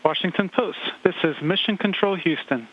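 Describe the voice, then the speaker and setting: High-pitched man on a muffled radio. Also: moderate pace, slightly rough. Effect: radio transmission. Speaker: mission control communicator. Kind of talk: formal radio call, sci-fi communicator manner. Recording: dull, muffled radio link.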